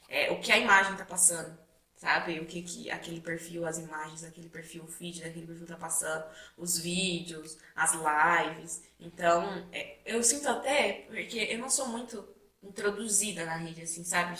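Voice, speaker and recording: A woman's voice: on the low side, steady tone, moderate pace, bright, forceful tone. A young woman co-hosting a casual chat, talking freely and often tagging her points with questions. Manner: chatty, frequent tag questions. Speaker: co-host. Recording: echoey room, mic at a distance.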